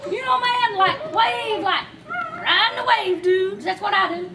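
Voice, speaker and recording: A woman's voice: very high voice, a little slow. Woman doing a spacey surfer dude. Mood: goofy. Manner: drawling surfer slang, keeps saying man and crazy. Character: laid-back young surfer dude, scatterbrained. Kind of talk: live church skit acting. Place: large hall with an audience. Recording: distant live recording with crowd and noise.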